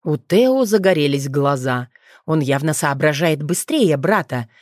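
A woman with a low voice reads a fantasy novel aloud as an audiobook. Her telling is even and measured. The recording is dry and close. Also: no echo. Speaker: narrator. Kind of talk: audiobook narration.

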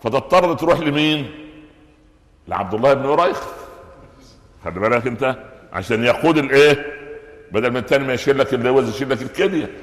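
A man's voice: mid-range voice, fast talker, long pauses. Egyptian guy preaching, lots of storytelling and asking the crowd questions, big echoey hall. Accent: Egyptian Arabic. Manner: lively storytelling with rhetorical questions to the audience. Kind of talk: sermon explaining Quran commentary. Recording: echoey hall with long reverb.

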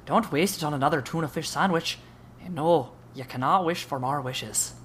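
A man's voice: a little high, moderate pace, a bit bright, slight background noise, close to an everyday voice. A man voicing a male Irish leprechaun who grants wishes, reading it aloud with a put-on Irish accent. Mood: stern.

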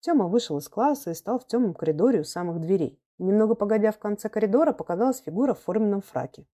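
A woman narrating an audiobook of classic prose in a calm, measured way. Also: mid-range voice.

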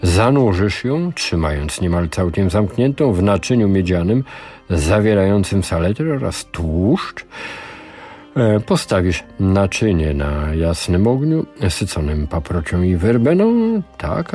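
Cynical old male sorcerer, read by a man, deep voice, lively lecturing tone, faint music under, radio storytelling. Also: heavily acted. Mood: solemn. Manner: lecturing, slow and measured. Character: scheming older male sorcerer, calm and cynical.

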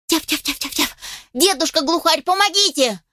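A woman's voice: high-pitched, animated, moderate pace, dry recording, studio quality, voice pushed up. A woman voicing a loyal young male puppy who begs everyone for help. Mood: pleading. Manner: eager, pleading.

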